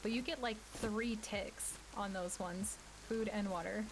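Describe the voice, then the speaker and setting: A woman chats casually while playing a survival game with friends, explaining things with plenty of filler words. Her voice sits at a middle pitch. Steady rain noise runs clearly behind her. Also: measured pace. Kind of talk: casual gaming chat.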